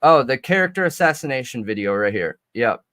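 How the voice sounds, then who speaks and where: A man co-hosts a livestreamed podcast, chatting casually into a desk mic with a slight metallic ring. His medium-pitched, expressive voice is fairly quick and fairly bright, and he rambles, restarting mid-thought.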